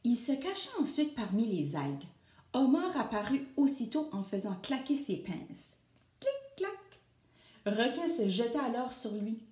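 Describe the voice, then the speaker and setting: Animated teacher reading aloud. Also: female voice, on the high side, moderate pace. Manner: animated, asking children questions. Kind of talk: storybook read-aloud for children. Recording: echoey room.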